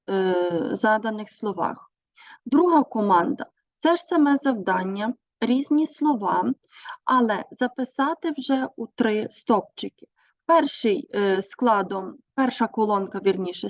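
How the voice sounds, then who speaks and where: A woman teacher giving a measured presentation on her teaching methods, pausing often with hesitations. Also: fairly high pitch, no room sound. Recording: dull, dry recording.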